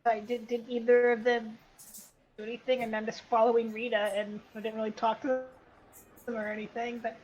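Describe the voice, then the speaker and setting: A woman playing in a casual tabletop game, soft-spoken and tentative. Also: on the high side, monotone, brisk, highs cut off. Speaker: player.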